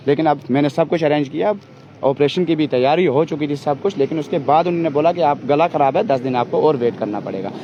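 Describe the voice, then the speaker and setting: In dull, lo-fi outdoor news audio carrying slight background noise, a father with a mellow voice on the high side pleads urgently in a distressed street interview. His rapid complaints concern the treatment of his sick baby.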